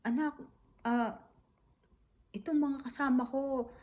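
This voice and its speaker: A woman voicing her frail elderly mother, confused and frightened, in a high, pleading, fretful voice. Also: steady tone, slow, a little mellow. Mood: distressed.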